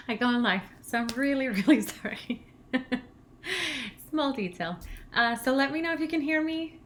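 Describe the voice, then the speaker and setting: A Venezuelan woman in her thirties, a native Spanish speaker with a Venezuelan Spanish accent, co-hosts a language channel livestream, chatting and rambling, laughing often and growing animated when she rants. Her voice is fairly high, with a little hiss or hum in the audio.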